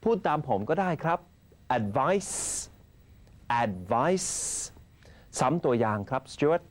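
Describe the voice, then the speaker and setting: A man's voice: fairly high pitch, expressive, quick pace. A man hosting a TV English lesson, patiently explaining phrases and then repeating them. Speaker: TV English teacher host.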